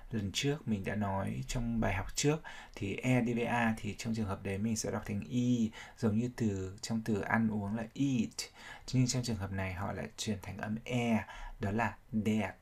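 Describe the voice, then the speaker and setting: Male teacher, husky gravelly voice, drills pronunciation patiently. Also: lowish voice, steady tone, normal speed, darkish tone. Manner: explains sounds step by step, repeating words to drill them. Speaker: English teacher. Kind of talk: vocabulary pronunciation lesson.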